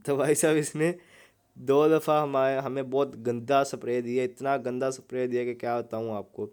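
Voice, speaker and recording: A man's voice: mid-range voice, little pitch movement, normal speed, darkish tone, smooth. A young man, giving casual, joking commentary over mobile gameplay. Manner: joking, chatty, keeps saying "bhai sahab". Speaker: gaming YouTuber.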